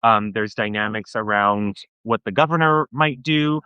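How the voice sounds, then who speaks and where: A man's voice: lowish voice, unhurried, bright, forceful tone, clean tone, no echo, highs cut off. A man speaking as a guest in an interview, impassioned and often restarting his sentences. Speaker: guest, advocacy group staff. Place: remote call from Washington, DC.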